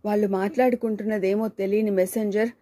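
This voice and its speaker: A woman's voice: mid-range voice, little pitch movement, fast talker, mellow. A woman reading a short story aloud as narrator, giving the dialogue light changes of tone.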